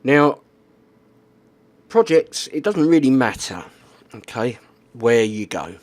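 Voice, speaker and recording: A man's voice: medium pitch, sing-song, slow pace, dry recording. A man explaining things in a casual, plainspoken monologue, often checking in with "okay?" and "right". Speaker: YouTuber.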